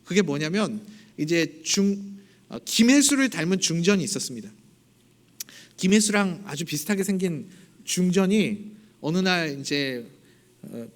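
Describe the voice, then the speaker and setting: A male pastor preaching in a church with a fairly high voice. He tells a story casually and talks directly to the congregation. He slips into voices when he acts out scenes. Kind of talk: sermon. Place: church sanctuary.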